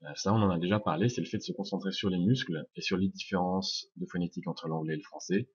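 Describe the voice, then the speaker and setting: A low-voiced young man with a husky edge teaches English pronunciation, breaking words into syllables and repeating each sound slowly. He is a native French speaker. The recording sounds dull and lo-fi. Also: fairly even intonation. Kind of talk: video lesson answering viewer questions.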